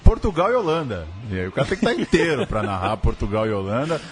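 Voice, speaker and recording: A man's voice: mid-range voice, huge pitch swings, quick pace, music in the background. A man with a Brazilian accent in casual football chat as a co-host.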